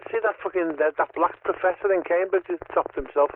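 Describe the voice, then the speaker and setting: A man's voice: sits high, fairly quick. A man chatting over a CB radio, ranting and swearing heavily. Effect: heard over a CB radio. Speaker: CB radio caller. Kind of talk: casual chat. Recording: tinny CB radio with faint static.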